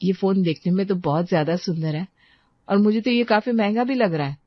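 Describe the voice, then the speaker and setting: A woman's voice: mid-range voice, fairly quick, no room sound, close to an everyday voice. A woman voicing a sweet but distracted young wife in a cartoon, chatty and pleading. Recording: dry, slightly dull lo-fi sound.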